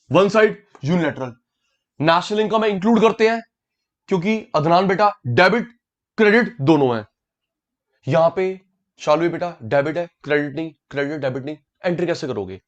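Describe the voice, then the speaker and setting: A man's voice: on the high side, animated, moderate pace. A man teaching an online class, calling on students by name, repeating key words and mixing English terms into his talk. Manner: mixes English terms into Hindi.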